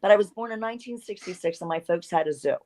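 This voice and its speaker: A woman in her fifties with a New Jersey accent speaks in a notably low, husky-toned register. She talks as an interview guest, rambling through stories in a chatty way and laughing easily. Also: fast talker, darkish tone. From South Jersey, USA. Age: 50s. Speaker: guest, retired wrestler. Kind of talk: casual interview storytelling.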